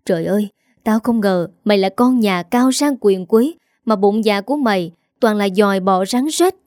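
A domineering old matriarch from a storybook, put on by a woman narrator, scolding harshly in a rage. The tone is mellow and dark, with a dry, close sound. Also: mid-range voice, normal speed, no echo, close to an everyday voice. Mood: furious. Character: old wealthy mother-in-law, furious and domineering.

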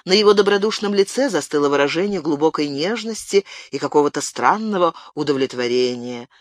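A man narrating an audiobook in a measured, expressive reading. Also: a little high, no room sound. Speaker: audiobook reader. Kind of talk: scripted narration.

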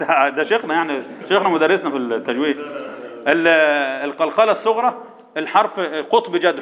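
A man with an Egyptian accent teaching Quran recitation rules to a class, firing quick repeated questions at students and chanting verses slowly. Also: high voice. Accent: Egyptian Arabic. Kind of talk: classroom tajweed lesson. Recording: echoey hall, dull lo-fi sound.

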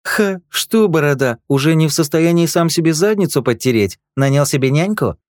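A man's voice: very animated, normal speed, no echo, studio quality. A man voicing a fat, hot-tempered male gang boss who shrieks and hurls insults. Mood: shrill mocking. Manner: shrill, insulting, yelling.

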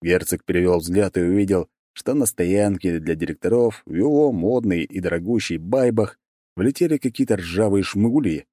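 Male audiobook narrator, low dark voice, lively delivery, dry close sound. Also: normal speed, no echo. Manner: expressive storytelling. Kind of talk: scripted narration.

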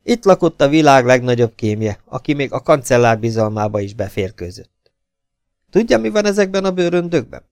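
A man's voice: medium pitch, big pitch swings, darkish tone, no echo. A middle-aged baron who is courteous on the surface and curt underneath, played by a male audiobook reader. He speaks firmly and ceremoniously, in a mid-range man's voice. The sound is close and dry. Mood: cold courteous. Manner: polite but firm, curt, ceremonious. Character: cold, courteous, sinister German baron, middle-aged man. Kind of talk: audiobook character reading.

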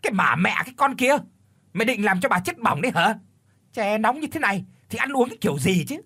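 Man putting on a shrill cruel wife. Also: animated, normal speed, pushed and bright. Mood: shrieking. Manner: whiny, bossy, screeching. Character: shrill spoiled pregnant wife, middle-aged, cruel.

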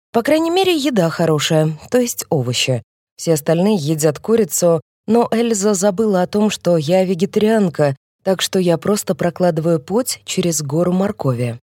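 A woman reading a novel aloud in the first person, with gentle, even storytelling, close to the microphone. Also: mid-range voice, dry recording. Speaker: audiobook reader.

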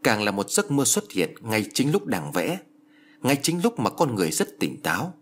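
A man's voice: medium pitch, huge pitch swings, normal speed, a little hiss or hum. A man narrating a horror story in a scripted, dramatic storytelling style.

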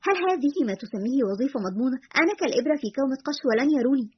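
A woman narrator doing a sarcastic young man from a spoken story. He is dry and mocking and talks very fast, with a husky voice. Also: sits high, lively intonation, lo-fi sound, exaggerated voice. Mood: sardonic. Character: sarcastic, defiant young man who smokes.

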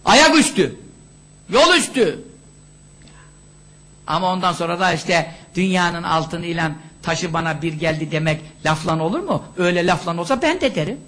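A Turkish man preaching a sermon, reciting Arabic passages and explaining them with rhetorical questions and lively storytelling. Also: on the high side, brisk, hardly any pauses.

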